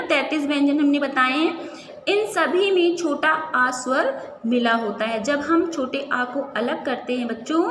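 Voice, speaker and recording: A woman teaching a primary school Hindi class, sounding out words slowly syllable by syllable and asking and answering her own questions. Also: sits high. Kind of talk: classroom lesson, slow syllable-by-syllable drilling. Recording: echoey room with faint ambient noise.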